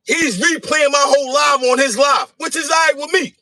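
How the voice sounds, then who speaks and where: A man in a casual livestream chat, taunting in an animated, sing-song way. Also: very high voice, moderate pace, no room sound. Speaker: podcast guest. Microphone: phone livestream.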